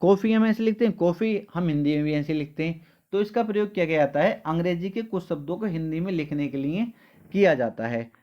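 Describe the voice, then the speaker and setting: On a lo-fi recording, a man whose voice sits high teaches an exam-prep lesson. He asks questions, answers them himself, and addresses his students as "dear children."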